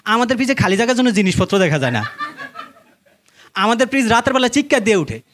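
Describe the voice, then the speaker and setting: A man's voice: very high voice, very animated, fast talker, fairly bright tone. A young man with a Bangladeshi accent doing conversational stand-up comedy, telling stories to a laughing crowd. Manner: conversational storytelling, addressing the audience and acting out dialogue. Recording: live stage recording with faint noise.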